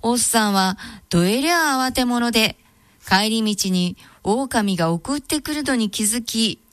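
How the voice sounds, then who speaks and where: A woman narrates an old folk tale in a Tango Kyoto dialect, steady and measured. Her voice sits a little high. The sound is close and dry. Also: no echo. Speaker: storyteller and co-host.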